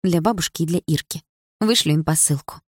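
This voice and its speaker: A woman reading an audiobook in steady, even storytelling narration. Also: sits low, a little fast, slightly rough, dry recording, studio quality. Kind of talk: scripted narration.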